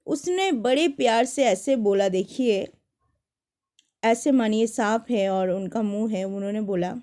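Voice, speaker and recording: A young woman telling personal stories to viewers in a casual, animated way, often restarting her sentences. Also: mid-range voice, unhurried. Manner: animated, dramatic retelling with many restarts. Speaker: storyteller.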